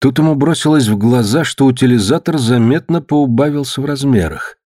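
A man reads a story aloud in a steady, measured narration. His voice sits at a middle pitch. The recording is dry and close, with no room sound. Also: no room sound. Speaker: audiobook narrator. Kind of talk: scripted narration.

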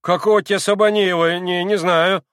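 A man voicing an agitated, dim-witted young clerk who shouts and repeats himself in a storybook reading. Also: sits high, steady tone, moderate pace, clean tone, dry recording, studio quality, pitched above the performer's own voice. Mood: agitated shouting. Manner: shouting, repetitive, flustered.

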